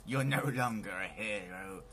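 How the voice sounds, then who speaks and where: A man voicing a menacing robot villain from a video game, speaking slowly with theatrical menace. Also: fairly low pitch, lightly acted. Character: menacing male robot villain taunting a hero. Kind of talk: game dialogue read aloud in character.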